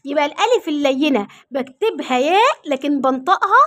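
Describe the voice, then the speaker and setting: High-pitched, quick Egyptian woman teacher. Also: a crowd in the background. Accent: Egyptian Arabic. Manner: lively, coaxing, repeats questions for the class to answer. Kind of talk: classroom lesson with call-and-response.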